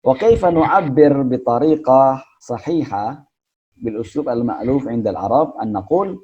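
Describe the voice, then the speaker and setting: Indonesian man teaching in a mellow, husky voice. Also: medium pitch, animated, lo-fi sound. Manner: explains slowly, repeating and drawing out the example phrases. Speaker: Arabic teacher. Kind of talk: casual online lesson.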